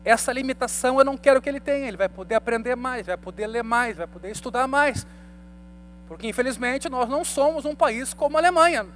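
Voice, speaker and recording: A man's voice: very high-pitched, a bit bright, a little hiss or hum. A man in his thirties, a pastor giving a conversational Bible study sermon and asking the congregation rhetorical questions. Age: 30s.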